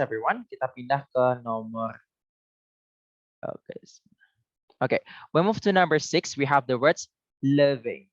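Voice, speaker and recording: A woman's voice: rumbling low, dry recording, lo-fi sound. A woman with an Indonesian accent teaching an online English lesson, patient and encouraging, switching between Indonesian and English. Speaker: English coach.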